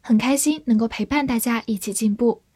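A woman teaching English vocabulary in a scripted lesson, reading each word twice and then its meanings in an even voice. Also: on the high side, fairly quick, husky, no room sound.

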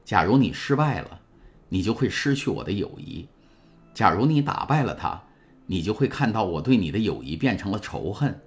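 A devoted young woman pleads in earnest, as a deep-voiced male narrator raises his voice to play her. It is a storybook reading with soft music underneath. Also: very animated, moderate pace. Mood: pleading. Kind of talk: audiobook character reading.

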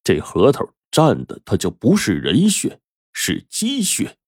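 A man voicing a shrewd, sly old father who speaks low and measured. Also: wildly swooping pitch, a little mellow, breathy edge, no room sound, clean studio sound, heavily acted. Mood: knowing.

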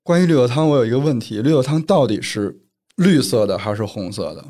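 A man's voice: mid-range voice, expressive, a little fast, dark tone. A man from northern China, co-hosting a casual chat and telling stories at length. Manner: storytelling, explains at length. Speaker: podcast co-host.

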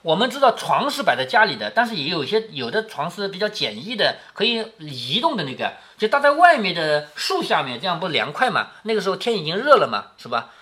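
Lively father explaining a classic novel. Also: high-pitched, fast talker, hardly any pauses. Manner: explains, asks frequent rhetorical questions. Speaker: father reading to his daughter. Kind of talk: storytelling with commentary.

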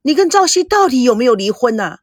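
A woman voicing an excited, worried middle-aged mother who asks rushed questions in a radio story. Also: high voice, no echo, clean studio sound, pitched above the performer's own voice. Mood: anxious.

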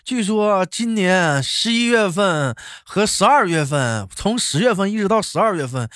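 A man's voice: sits high, moderate pace, dry recording, clean studio sound. A male comedy host with a Northeastern Mandarin accent, reading listener jokes in a comic monologue, laughing often and acting out the people in the jokes. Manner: animated, laughs often, acts out quoted people. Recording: music playing under the voice.

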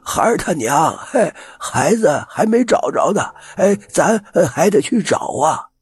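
A man's voice: high-pitched, very animated, husky, no room sound, faint music behind, voice pushed up, exaggerated voice. A male storyteller voicing a confused, rambling old village man who has lost his wits, stammering and muddled. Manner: halting, stammering, muddled talk.

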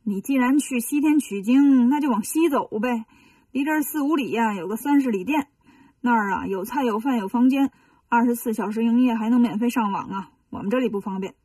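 Woman doing a gruff old abbot, snobbish and dismissive, mellow husky tone, dry sound a little off the mic, storybook reading. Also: fairly high pitch, brisk, no room sound, far from the mic, natural voice. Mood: scornful. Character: grumpy, snobbish old male temple abbot.

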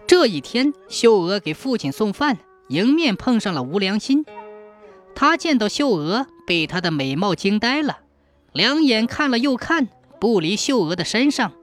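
Lively folk-tale narrator, faint instrumental bed. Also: mid-range voice, unhurried, faint music behind. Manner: dramatic, expressive. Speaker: storyteller.

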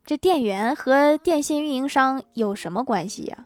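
A woman narrating short comic jokes in a scripted style, adding deadpan quips after each one. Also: high voice, moderate pace. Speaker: joke-telling narrator.

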